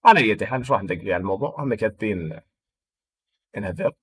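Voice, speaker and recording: A man with a Jordanian Arabic accent explaining an English textbook lesson, reading English phrases slowly and then explaining them quickly in Arabic. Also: fairly low pitch, animated, fairly bright tone, a little hiss or hum. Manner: switches between slow read English and quick Arabic explanation. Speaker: English teacher.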